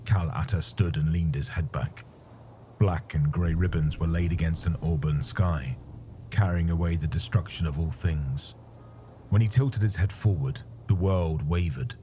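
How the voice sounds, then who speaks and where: A man narrating a story in a measured, grave manner. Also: low-pitched, dark tone, slight background noise. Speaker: audiobook narrator. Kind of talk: scripted narration.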